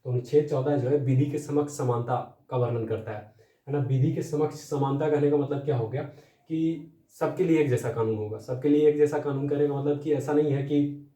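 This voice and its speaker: Young male tutor, patient and repetitive, dark mellow tone, echoey room sound. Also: medium pitch, steady tone, a little fast. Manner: explanatory, many fillers and tag questions. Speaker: teacher. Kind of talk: exam-prep lecture. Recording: echoey room, voice distant from mic.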